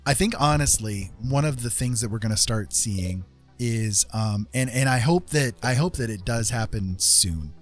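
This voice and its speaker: A livestream host with a medium-pitched voice and lively intonation speaks at a moderate pace over music. He explains things casually and at length, emphatically repeating phrases for stress.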